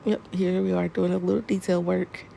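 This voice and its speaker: Congested Southern woman, gravelly and mellow. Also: fairly low pitch, normal speed, a little hiss or hum. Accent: Southern American. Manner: relaxed, folksy explaining. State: congested from allergies. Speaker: esthetician. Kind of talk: tutorial voice-over.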